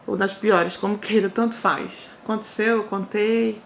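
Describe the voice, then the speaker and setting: A woman with a Brazilian Portuguese accent telling her own life story in a casual, animated way, often repeating phrases for emphasis. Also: mid-range voice, moderate pace, vocal fry, a little hiss or hum. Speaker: testimony storyteller.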